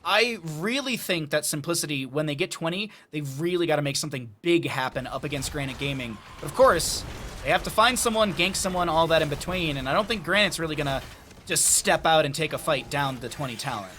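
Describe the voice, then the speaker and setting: A man working as an esports caster, giving excitable game commentary with jokey banter toward his co-caster. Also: on the high side, a little fast, slight background noise.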